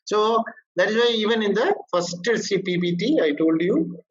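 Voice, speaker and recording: A male corporate trainer lecturing a workshop group, explaining in a halting way with frequent restarts. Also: sits high, expressive, slightly rough, muffled recording.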